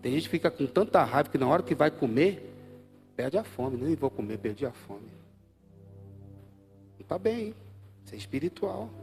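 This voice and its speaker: Brazilian pastor guy preaching live in church, medium voice, goes loud then hushed, soft music in back. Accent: Brazilian Portuguese. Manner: swings between loud emphatic bursts and low quiet asides. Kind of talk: Easter Sunday sermon.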